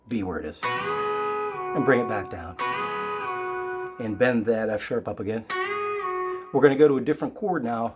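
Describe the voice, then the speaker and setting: A man with a raspy, sick voice, giving a casual guitar lesson in a relaxed, halting way with many fillers. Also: fairly low pitch. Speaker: guitar teacher. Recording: loud guitar playing behind the voice.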